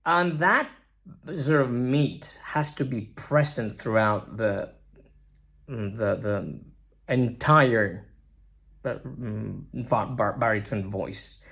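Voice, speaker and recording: A man, an Italian native speaker, teaching singing in a casual spoken lesson. He talks haltingly with many restarts and drawn-out words, now and then singing a note, into a simple microphone. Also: lowish voice, vocal fry, fairly bright tone. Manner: halting, many restarts, drawls words, breaks into sung notes.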